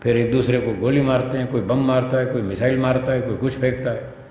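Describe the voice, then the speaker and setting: A man's voice: medium pitch, fairly even intonation, a little fast, a little mellow. Man teaching scripture in an echoey hall. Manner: conversational, acting out dialogue in his explanations. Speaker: spiritual teacher. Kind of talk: lecture explaining a scripture to students. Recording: echoey hall with faint background noise.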